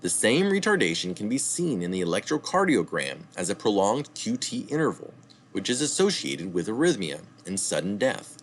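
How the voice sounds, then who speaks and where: Reading a health article out loud, a man speaks at a moderate pace in a fairly low, sing-song voice, with a slight hiss or hum behind him. He stays steady overall but now and then fixes a slip or drops in a quick aside.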